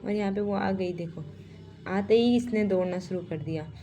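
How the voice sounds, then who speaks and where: A woman's voice: medium pitch, normal speed, dark tone. A woman in her twenties from Uttarakhand, India, narrating her vlog in a chatty voice-over and talking straight to viewers. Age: 20s. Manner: chatty, laughing at herself, talks straight to viewers. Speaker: vlogger.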